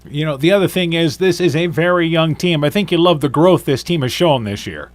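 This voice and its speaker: A man hosting a sports radio broadcast, brisk and upbeat as he interviews a coach. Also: a little high, no echo.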